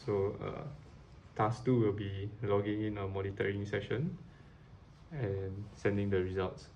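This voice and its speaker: A man's voice: on the low side, steady tone, a little slow, a little mellow, highs cut off, slight background noise. A man moderating a usability test, reading out a briefing and task instructions.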